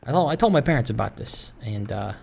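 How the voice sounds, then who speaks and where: A gaming video host with a gravelly, darkish, mid-range voice speaks quickly and expressively over a little hiss or hum. The rambling Minecraft let's-play commentary is casual and musing, with grumbles about small gripes.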